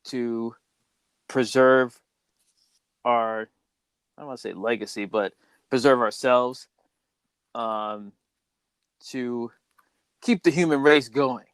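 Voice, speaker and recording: A man's voice: medium pitch, takes it slowly, long pauses, clear, resonant tone, dry recording. A man hosting a podcast in casual chat, exclaiming and thinking aloud with restarts. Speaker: podcast host.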